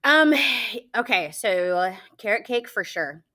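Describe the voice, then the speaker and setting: Here an interview guest from Michigan, USA, a teacher in her forties, talks in a casual, laughter-filled way with plenty of fillers. Her mid-range voice is sing-song and sharp, and she speaks slowly.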